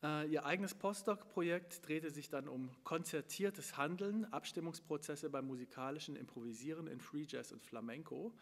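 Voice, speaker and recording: A man's voice: a little high, moderate pace, hardly any pauses. Middle-aged man hosting in a reverberant hall. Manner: hesitant, many fillers. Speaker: moderator. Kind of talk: live talk introduction and interview. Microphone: stand mic. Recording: long room reverb, from far camera.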